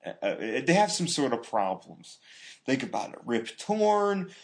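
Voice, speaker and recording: A man's voice: mid-range voice, very animated, a little slow. A man casually reviewing a film with a co-host, rambling and joking, with lots of filler words. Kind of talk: casual movie review chat.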